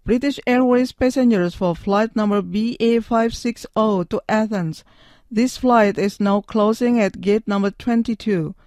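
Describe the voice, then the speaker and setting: A woman's voice: mid-range voice, warm tone, no room sound, close to an everyday voice. A woman playing scripted parts such as an advert customer or airport announcer. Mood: formal announcer. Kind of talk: scripted performance.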